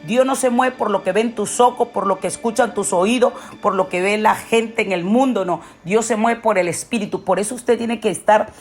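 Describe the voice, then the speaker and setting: A woman's voice: mid-range voice, normal speed, hardly any pauses, faint music behind. A woman preacher giving a devotional sermon, emphatic and repetitive, often checking in with listeners. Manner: emphatic, repeats "¿ok?" and piles up phrases. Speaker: prophet, preacher.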